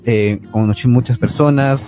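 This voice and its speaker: A man's voice: medium pitch, moderate pace, music in the background. A young man, talking casually on a podcast, often repeating words as he searches for them. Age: young adult. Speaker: guest.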